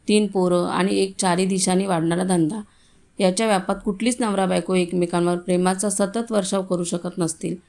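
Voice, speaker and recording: A woman reading a short story aloud in a calm, even storytelling manner, voicing the family's dialogue herself. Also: medium pitch. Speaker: story reader.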